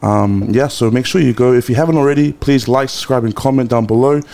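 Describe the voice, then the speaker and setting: A man hosting a podcast, talking casually with many pauses and fillers. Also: medium pitch, vocal fry, a little mellow. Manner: hesitant, lots of fillers, friendly slang. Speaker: podcast host. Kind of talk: casual chat.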